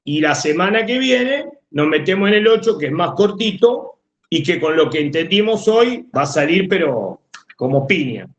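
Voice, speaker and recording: Male teacher, Rioplatense accent, lecture delivery, animated intonation, echoey room. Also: fairly high pitch, moderate pace, highs cut off. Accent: Rioplatense Spanish. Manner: explanatory, checks understanding often. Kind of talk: classroom lecture.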